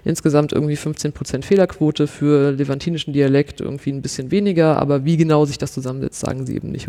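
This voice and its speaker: An investigative journalist appears as a guest in a casual conversational interview, explaining his work in a chatty, wry manner. His voice is a bit high for a man yet mellow and warm, with some vocal fry, and he peppers his speech with hedges like "irgendwie" and "so."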